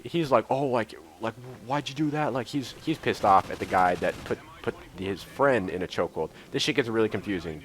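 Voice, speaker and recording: A man's voice: on the low side, a little hiss or hum. A young man from Idaho casually telling a rambling story over video game footage, full of filler words and swearing. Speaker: YouTuber.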